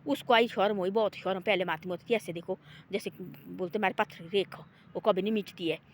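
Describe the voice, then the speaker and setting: A woman's voice: medium pitch, fairly even intonation, a little fast, a little hiss or hum. A woman telling a moral folk tale in a rambling, folksy way, restarting often and repeating her tags meaning "he said". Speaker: storyteller. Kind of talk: oral moral storytelling.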